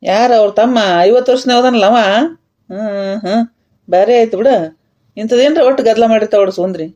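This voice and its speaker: A woman's voice: fairly high pitch, fast, mellow, muffled recording, lightly acted. A woman voicing a teasing older uncle in a cartoon, speaking in a drawling manner. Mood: suspicious. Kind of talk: cartoon dialogue acting.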